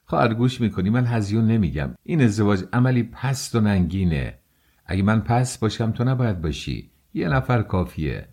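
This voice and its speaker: A man's voice: lowish voice, expressive, a little mellow, breathy edge. A man voicing a feverish, bitter young man in an audiobook, curt and angry. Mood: stern. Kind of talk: audiobook character voice.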